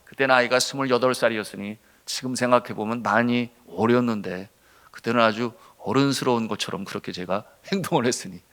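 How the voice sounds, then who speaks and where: A middle-aged man, a senior pastor, preaching a sermon with a personal testimony, speaking to the congregation directly and moving between loud urgency and hushed tones. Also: mid-range voice, brisk. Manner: impassioned, swinging from loud to hushed, addresses the congregation.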